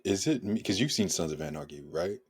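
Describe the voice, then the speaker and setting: A man's voice: sits low, big pitch swings, brisk, gravelly, husky. A man co-hosting a casual film discussion, laid-back and laughing at his own jokes. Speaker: podcast co-host.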